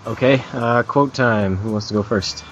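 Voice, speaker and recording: A man hosting a podcast in casual chat, leading the segments with a lively manner. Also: medium pitch, normal speed. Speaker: podcast host. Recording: dull lo-fi sound, faint music.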